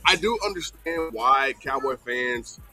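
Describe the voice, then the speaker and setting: A man's voice: medium pitch, lively intonation, a little slow, sharp tone, faint music behind, poor audio. A man co-hosting a casual sports chat, often chiming in with short agreeable asides. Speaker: co-host.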